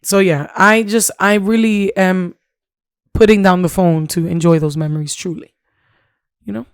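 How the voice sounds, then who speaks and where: A woman in her thirties co-hosting a podcast, talking in an animated, chatty way and slipping in Spanish phrases. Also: lowish voice, moderate pace, smooth, no room sound, studio quality. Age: 30s. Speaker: podcast co-host. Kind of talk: casual chat.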